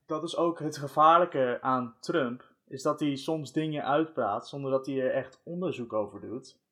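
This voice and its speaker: A young man co-hosting a podcast, telling stories in an animated way and laughing often. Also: medium pitch, normal speed. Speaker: podcast co-host. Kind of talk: casual chat.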